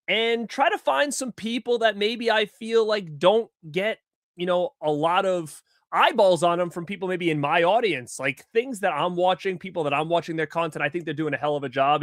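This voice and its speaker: A man's voice: high voice, dry recording, clean studio sound. Upbeat man hosting a livestream on a headset mic. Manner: upbeat, shouts out viewers by name. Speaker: livestream host. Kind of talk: casual live-chat greetings.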